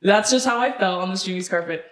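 Sassy girl cohosting a podcast, swears a ton, blunt and emphatic, mid pitch, roomy sound. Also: fast talker. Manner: emphatic repetition for effect. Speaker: podcast co-host. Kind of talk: casual podcast chat.

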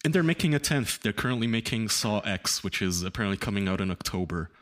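A man's voice: lowish voice, animated, fast, fairly bright tone. A man giving casual, opinionated film chat in an emphatic, incredulous, sweary way.

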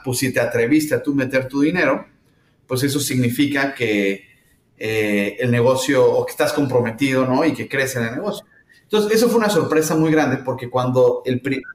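A middle-aged man from Mexico with a Mexican accent, answering interview questions thoughtfully with many pauses and fillers. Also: mid-range voice. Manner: thoughtful, hesitant with frequent fillers. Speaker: startup founder, guest. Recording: roomy echo.

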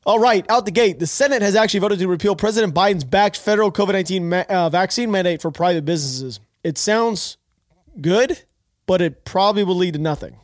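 Recorded cleanly in a studio with no room sound, a man with a high voice talks briskly through the news on his podcast. Allergies leave him nasal and congested, and his casual political commentary is rambling, opinionated, and full of restarts.

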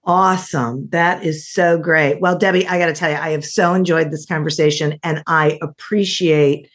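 A woman's voice: sits low, steady tone, normal speed. A woman hosting a podcast interview, responding to her guest in an affirming way. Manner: warm, affirming. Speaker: podcast host.

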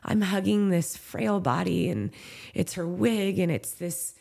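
A low, gravelly-edged woman's voice, telling a personal story in an interview. She speaks candidly and from the heart, with lots of casual fillers. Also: measured pace, a little mellow. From Southern California. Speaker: professional trail runner, guest. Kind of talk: emotional storytelling in a podcast interview.

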